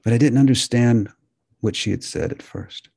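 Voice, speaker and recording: A male host earnestly recounting a dream and the lessons he drew from it, in a measured storytelling manner. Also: mid-range voice, creaky, warm tone, husky. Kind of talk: spiritual talk recounting a dream.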